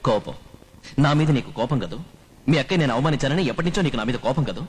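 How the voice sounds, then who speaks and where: A man's voice: medium pitch, animated, rapid-fire, slightly rough. An actor dubbing a menacing male police interrogator in a film, firing threats and questions. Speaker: interrogating officer.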